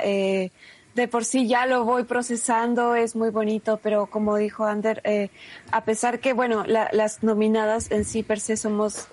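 A woman singer answering radio interview questions earnestly, with many pauses and fillers. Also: mid-range voice, darkish tone. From Peru. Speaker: singer, nominated guest.

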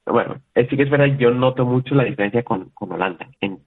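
A man's voice: medium pitch, quick pace, breathy edge. A man from Spain chatting as an interview guest, talking freely with many restarts and little quoted exchanges. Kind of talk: casual interview talk. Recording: tinny phone-like line.

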